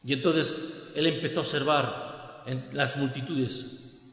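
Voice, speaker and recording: Bright-voiced Spanish man narrating a story. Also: mid-range voice, fairly even intonation. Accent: Spanish from Spain. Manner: slow, emphatic retelling with restarts. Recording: echoey room with long reverb.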